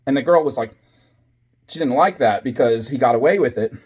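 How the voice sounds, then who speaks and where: A man's voice: medium pitch, brisk, darkish tone, breathy edge. A man telling a story from his years as a teacher, dramatizing it with whispers and quoted voices. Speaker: former teacher, channel host. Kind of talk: personal storytelling monologue.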